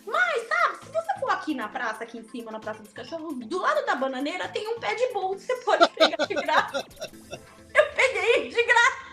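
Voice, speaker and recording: A woman's voice: very high-pitched, brisk, echoey room, soft background music. A middle-aged woman, a podcast guest talking casually and acting out the dialogue in her stories. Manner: animated storyteller, acts out quoted dialogue. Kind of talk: casual interview chat.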